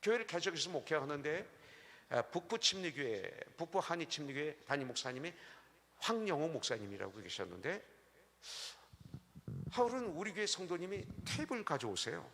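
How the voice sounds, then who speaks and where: A middle-aged man preaching a revival sermon in a church, telling stories with lively acted-out quotes. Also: fairly high pitch, fairly quick, slight background noise. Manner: animated storytelling, acting out quoted voices. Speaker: pastor. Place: church sanctuary. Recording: livestream with long church reverb.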